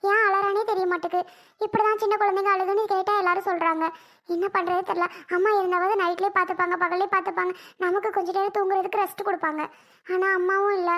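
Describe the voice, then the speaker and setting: A woman's voice: very high voice, level tone, quick pace, fairly bright tone. A weary young cartoon mother. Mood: fretful. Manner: weary, fretful, soothing. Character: tired young mother, worried about her crying baby. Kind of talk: cartoon voice acting.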